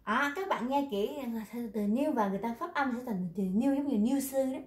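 A woman's voice: a little high, fairly quick, reverberant. A woman teaching a language class, explaining pronunciation with repetitive, coaxing remarks.

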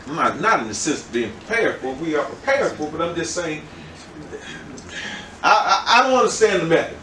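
Older pastor, loose conversational sermon, slightly high voice, echoey church picked up from a distance. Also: male voice, lively intonation, brisk, a bit bright, slight background noise. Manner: rambling, conversational preaching with repeated words and laughs. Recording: echoey room, from the mic.

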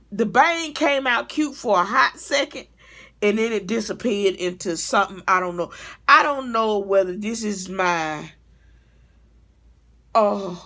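A middle-aged woman, a vlogger and hair stylist, delivers a casual comedic rant in a mid-range, slightly bright voice, sounding blunt, profane and exasperated. She's recorded on a device mic inside a small room at home.

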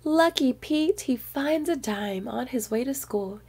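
A woman reads a picture book aloud to small children, addressing them directly with lots of expression. Her voice is fairly high, gentle at the edges, mellow and noticeably breathy, and her pace is a little slow.

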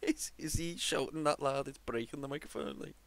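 A man's voice: on the high side, brisk, creaky, fairly bright tone. A man making laid-back, amused remarks while playing an online game with friends. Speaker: gamer. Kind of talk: casual gaming chat.

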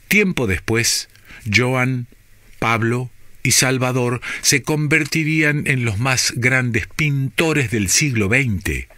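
A man with an Argentine accent, reading a scripted story for radio in a measured, deliberate way with dramatic pauses. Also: medium pitch, sharp tone, no echo. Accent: Argentine Spanish.

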